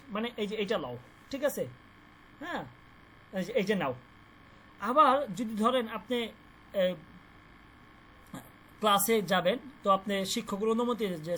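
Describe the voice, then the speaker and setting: A woman teaching a language class, her voice pitched a little high. She repeats each word patiently and keeps checking that her students follow. A faint hiss of noise sits under the recording. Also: a bit bright. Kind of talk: classroom lesson explaining vocabulary.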